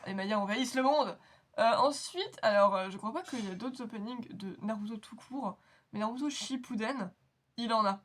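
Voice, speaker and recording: A woman's voice: fairly high pitch, normal speed. A woman hosting an anime reaction video, chatting casually in a rambling, giggly, self-mocking way. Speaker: anime reaction channel host.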